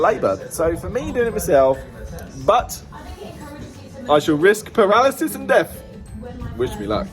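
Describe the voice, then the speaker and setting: A British man chatting casually for a vlog about his own work, playful and jokey, slipping into silly baby-talk words. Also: a little high. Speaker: car dealer filming a repair vlog.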